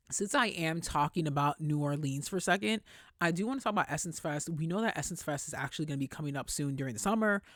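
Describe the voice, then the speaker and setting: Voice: mid-range voice, fairly bright tone, no room sound, studio quality. A podcast host ranting in casual talk, emphatic and profane, repeating points for stress. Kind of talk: casual opinion rant.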